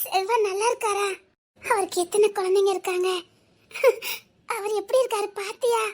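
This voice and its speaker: A woman playing a very high-voiced grieving young woman. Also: steady tone, normal speed. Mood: tearful. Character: grieving young woman talking with her friend. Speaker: actress in a family drama. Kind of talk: melodramatic dialogue scene.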